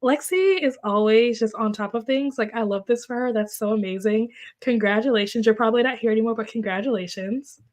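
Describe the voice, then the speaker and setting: A young woman with a fairly high, darkish voice talks briskly with few pauses, hosting a casual livestream from her home desk mic. She's chatty, full of fillers, and reacts to viewer comments as she reads them, sounding congested and a bit coughy while getting over an illness.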